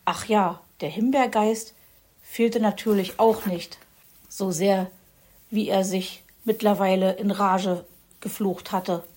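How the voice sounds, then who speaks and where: Slow calm woman storyteller. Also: medium pitch. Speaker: narrator. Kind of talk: children's audiobook narration.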